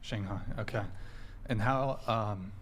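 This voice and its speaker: A man hosting a podcast who puts questions to his guests in a brisk, methodical way. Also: lowish voice, a little hiss or hum. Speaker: podcast host. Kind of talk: podcast interview.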